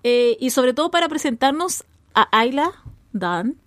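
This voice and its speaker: A woman's voice: high-pitched, expressive, measured pace, fairly bright tone, no echo. A woman with a Chilean accent chatting casually and expressively as a podcast co-host, giving her opinions.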